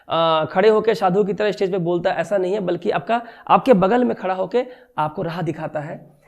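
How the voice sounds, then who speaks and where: High-voiced teacher explaining exam questions. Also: male voice, vocal fry, a little mellow. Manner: reads English questions slowly, then explains in Hindi. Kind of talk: exam-prep MCQ lesson.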